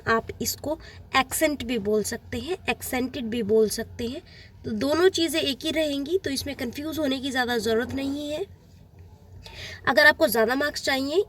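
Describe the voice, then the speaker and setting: A woman's voice: sits high, slight background noise. A woman teacher going through exam-prep slides, explaining plainly and repeating the key points for her students.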